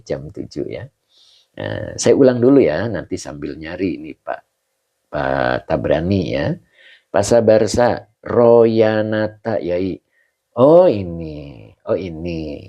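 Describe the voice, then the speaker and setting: A male ustadz with a slow, deep voice teaches kitab grammar during a live-streamed online study session. He repeats terms, draws out Arabic words and often says "nah, begitu ya." The audio sounds dull.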